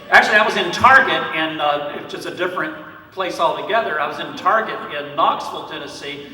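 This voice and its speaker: A man with a Southern accent, a priest speaking to a gathering in a relaxed, joking way, with plenty of ums and uhs. His voice is bright and sits a little high. It carries from some distance through a large, echoing hall. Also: slight background noise. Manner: conversational and humorous, with frequent fillers. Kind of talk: conference talk with anecdotes. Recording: echoey hall, speaker far from mic.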